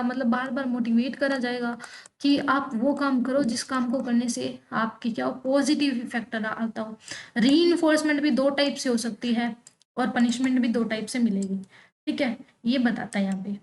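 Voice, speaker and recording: A woman teaching an online exam-prep lecture, reading English lines out slowly and then explaining them, asking questions and answering them herself. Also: sits high, darkish tone, a little hiss or hum. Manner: peppers explanations with checking tags like "theek hai".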